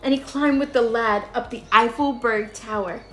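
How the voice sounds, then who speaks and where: A woman narrating a rhyming children's storybook in an expressive read-aloud style. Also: on the high side, normal speed, faint music behind.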